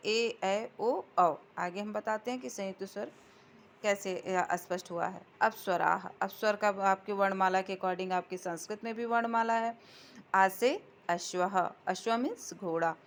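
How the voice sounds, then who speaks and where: A woman teacher explaining a lesson to students, drawing out the example words and answering her own questions. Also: medium pitch. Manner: slow and drawn out when reading letter examples, asks questions and answers them herself. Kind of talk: classroom explanation.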